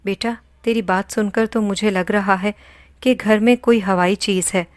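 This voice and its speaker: A loving elderly mother comforts her daughter in soft, reassuring words, as a woman reads her part. The storybook reading sounds dry and close. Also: medium pitch, steady tone, dry recording, close to an everyday voice. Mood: soothing. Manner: soothing, affectionate.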